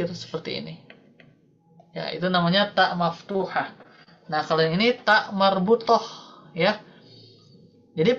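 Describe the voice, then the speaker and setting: A woman's voice: lowish voice, dull audio. A woman teaching a recitation class over a video call, patiently explaining and often checking in with her students. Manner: patient, repeats "ya" and "Ibu Bapak" often. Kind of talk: online tajwid class, explaining slowly.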